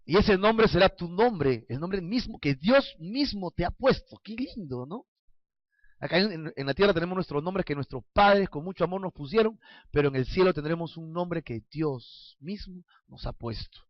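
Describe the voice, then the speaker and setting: High-voiced, playful preacher. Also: male voice, animated, moderate pace, no room sound. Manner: playful, acts out little scenes and asks the congregation questions. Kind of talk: sermon. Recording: dull lo-fi sound, dry.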